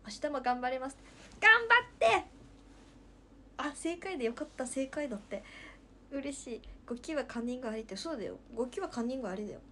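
A woman's voice: fairly high pitch, quick pace, darkish tone, slight background noise. A woman in her twenties from Nagasaki with a Nagasaki accent, chatting playfully and giggling with viewers on a livestream from her room at home. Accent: Nagasaki dialect. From Nagasaki, Japan. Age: 20s. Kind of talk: casual chat with viewers.

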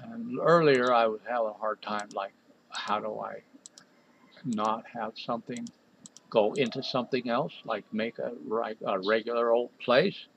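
Casting note: man, mid-pitched, exasperated software walkthrough narration, faint room hiss. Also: fairly even intonation, unhurried, vocal fry. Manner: exasperated, talks to himself while clicking. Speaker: software developer reviewing a program. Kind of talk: screen-recorded software walkthrough.

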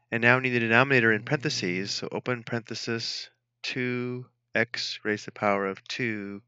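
A man narrating a math tutorial as an instructor, dictating each entry step by step in a measured way. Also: mid-range voice, sharp tone, smooth, muffled recording.

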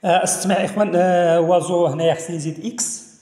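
A man with a Moroccan Arabic accent teaching French. He reads the words slowly, repeats them and explains each one to his listeners. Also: high voice, fairly even intonation, a little mellow. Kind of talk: language lesson explaining in Arabic. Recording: echoey room with long reverb.

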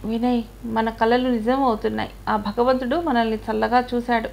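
A young bride who is a doctor talks gently and earnestly, read by a woman narrator. The voice is fairly high, with faint hiss underneath. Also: steady tone, normal speed, gravelly. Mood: gentle.

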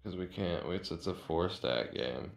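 Low-voiced young man grumbling at friends. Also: expressive, unhurried, soft background music. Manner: blunt, crude, grumbling. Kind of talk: casual gaming chat with friends. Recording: roomy voice chat audio.

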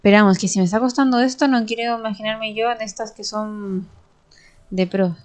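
A young woman with a Spain Spanish accent commentating her own gameplay, excitable, swearing and talking to herself as she plays. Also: mid-range voice, normal speed. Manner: excitable, swears and talks to herself while playing. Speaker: gaming streamer.

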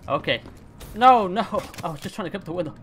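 A young man hosting his gaming channel, chatting casually and reacting out loud as he plays. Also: on the high side, racing, a little hiss or hum. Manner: excitable, chatty, swings between hushed focus and loud outbursts. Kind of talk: casual gameplay commentary.

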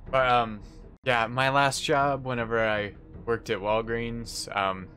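A man's voice: mid-range voice, flat delivery, slow pace, pushed and bright. A young American man chatting casually as he plays a game, replying to his viewers. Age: young adult. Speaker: game streamer. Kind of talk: casual chat while playing, replying to viewers. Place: indoor room at a desk. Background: faint game music.

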